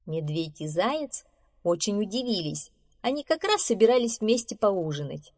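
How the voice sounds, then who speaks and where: Lively woman reading a children's tale. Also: medium pitch, moderate pace. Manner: expressive, animated storytelling. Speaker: storyteller. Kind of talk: reading a children's story aloud.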